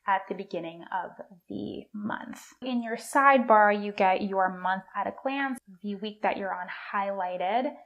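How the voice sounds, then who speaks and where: A woman giving a casual product review walkthrough, upbeat and chatty, with a mid-pitched voice. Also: fairly bright tone. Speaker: planner reviewer.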